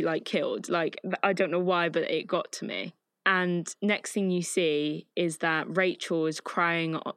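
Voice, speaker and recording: A woman's voice: lowish voice, clean tone, no echo, clean studio sound. A woman recapping a film's plot in a chatty, emotive way, often saying "like". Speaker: film reviewer. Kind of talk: casual film plot recap.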